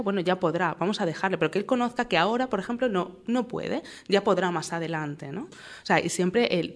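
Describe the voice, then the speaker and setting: A young adult woman, a guest expert, calmly and patiently explaining parenting with everyday examples. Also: on the low side. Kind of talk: explanatory interview talk.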